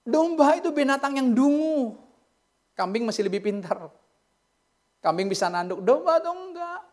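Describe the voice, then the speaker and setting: A pastor preaching a lively sermon in a church, with humorous asides, casual chatter to the congregation, and playful impressions of other people's speech. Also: sits high, normal speed. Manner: animated, humorous, acts out quoted speakers.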